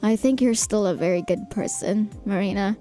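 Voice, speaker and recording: A young woman streamer reading a visual novel aloud in a soft, hesitant, apologetic way. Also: mid-range voice, normal speed, faint music behind. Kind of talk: reading game dialogue and first-person narration aloud.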